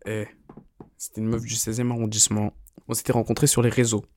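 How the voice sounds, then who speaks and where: A man's voice: on the low side, little pitch movement, fairly quick. A young man telling a crude story casually, in slangy rambling talk full of fillers.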